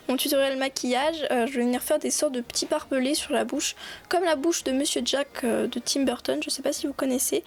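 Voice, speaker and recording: High-voiced young French woman chatting through a craft tutorial. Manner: chatty, many fillers and restarts. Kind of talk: casual voice-over tutorial.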